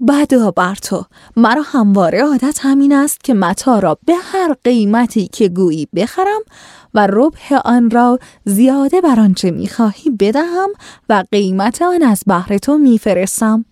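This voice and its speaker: A woman's voice: on the high side, big pitch swings, mellow, dry recording, clean studio sound. A woman reading the lines of a proud lady bargaining for cloth in old formal phrasing. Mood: indignant.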